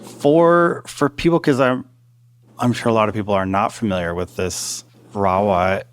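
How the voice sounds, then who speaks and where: A man's voice: on the low side, moderate pace. A man hosting a podcast interview, asking questions enthusiastically. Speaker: podcast host.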